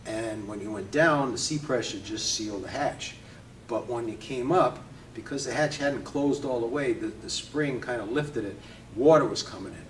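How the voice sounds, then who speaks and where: An older man from Connecticut, a Navy veteran, reminisces in an easygoing interview, often chuckling and pausing with hesitations. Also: mid-range voice, slight background noise. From Connecticut, USA. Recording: roomy, distant from mic, faint ambience.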